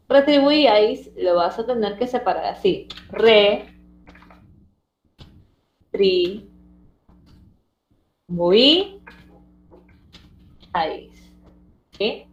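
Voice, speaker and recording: A woman teacher explaining a language lesson step by step and often checking that her students follow. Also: medium pitch. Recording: roomy, dull lo-fi sound.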